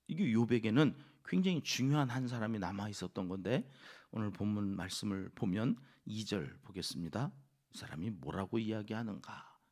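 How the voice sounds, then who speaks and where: A male pastor giving an early-morning sermon in a church, lively and acting out what others say. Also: lowish voice, a little fast. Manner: lively, acts out quoted speakers. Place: church sanctuary.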